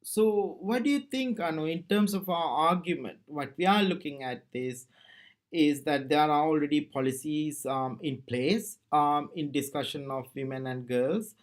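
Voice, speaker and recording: Measured man from Sri Lanka presenting. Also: fairly high pitch. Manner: measured, with frequent um fillers. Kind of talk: recorded conference discussion.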